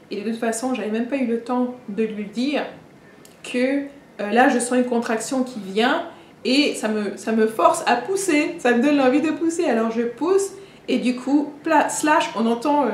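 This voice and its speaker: A young adult woman retelling a personal story in a vlog, halting, with many fillers and restarts. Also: fairly high pitch. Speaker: vlogger. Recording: echoey room with faint ambient noise.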